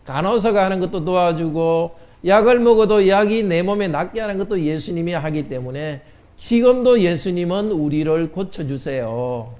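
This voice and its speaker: A man's voice: sits high, mellow. A man pastor giving a children's sermon in church, asking the children questions and answering them. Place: church sanctuary.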